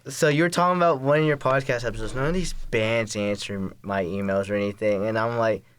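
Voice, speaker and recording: A man's voice: lowish voice, brisk, fairly bright tone, clear, resonant tone. A man of twenty-one, a college student and podcast guest, chatting casually and laughing often.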